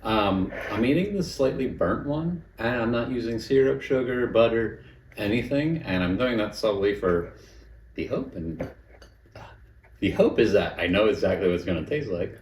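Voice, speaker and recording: A man's voice: lowish voice, expressive, normal speed, a little mellow, reverberant, far from the mic, slight background noise, poor audio. A man hosting a home cooking vlog, chatty and self-critical, talking between bites as he cooks and tastes. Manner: chatty, self-critical, talks while eating. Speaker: home cooking channel host. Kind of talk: casual cooking vlog with tasting.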